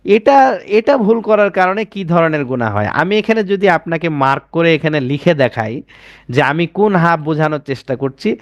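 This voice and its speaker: A high-voiced man teaches an Arabic pronunciation class, speaking slowly, repeating every word and regularly checking whether his students are following. His tone is clean, and the sound is close and dry, without room echo.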